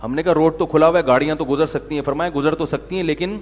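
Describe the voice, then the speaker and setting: A man's voice: a little high, steady tone, in a large hall. A man preaching a conversational sermon in Urdu with a Pakistani accent, telling anecdotes and acting out what people said. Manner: storytelling, acts out quotes with shifting voices. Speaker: Islamic preacher.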